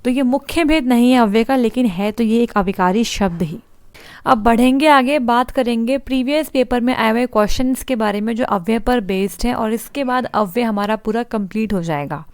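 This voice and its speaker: A woman's voice: fairly high pitch, normal speed, a little mellow, smooth, no room sound. A woman teaching a Hindi grammar lesson for exam prep, explaining step by step and asking rhetorical questions. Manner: explanatory, repeats points and asks rhetorical questions.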